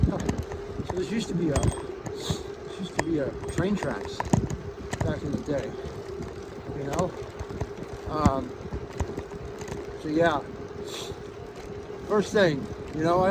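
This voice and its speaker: A man vlogging casually outdoors to his followers in an earnest, rambling, plain-spoken way, with a slight lisp from missing front teeth. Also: fairly high pitch. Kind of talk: casual motivational vlog talk to followers. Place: outdoors on a bike trail, riding an electric bike. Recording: outdoors with loud wind and traffic noise.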